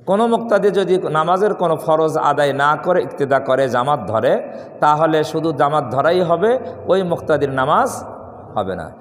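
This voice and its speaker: A Bangladeshi imam preaching a Friday sermon, his fairly high voice rising and falling with lively swings. He poses questions and leaves them for the congregation to complete. His voice rings through a large mosque hall with a long, echoing reverb. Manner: rhetorical questions the congregation completes, drawn-out demonstrations of recitation.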